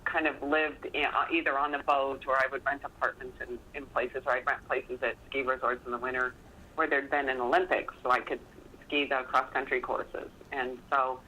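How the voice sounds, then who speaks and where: A rumbling low female voice at a normal speed comes through a rough recording with a little hiss or hum. The speaker, a middle-aged author, guests on a podcast, casually and chattily recounting stories at her own expense and animatedly replaying exchanges.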